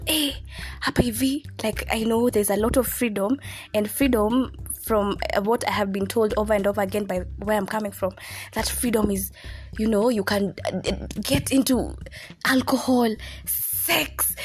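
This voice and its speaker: A woman in her twenties from Kenya with a Kenyan accent, telling personal stories in a casual, animated, giggly and informal way. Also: on the high side, normal speed, husky. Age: 20s. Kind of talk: casual storytelling chat mixing English and Swahili.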